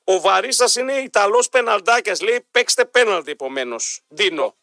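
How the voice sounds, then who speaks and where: A man's voice: sits high, lively intonation, creaky, bright, forceful tone, no echo, clean studio sound. A man co-hosting a sports radio show, chatting casually about match bets and joking with his partner. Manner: chatty, quick to agree, joking.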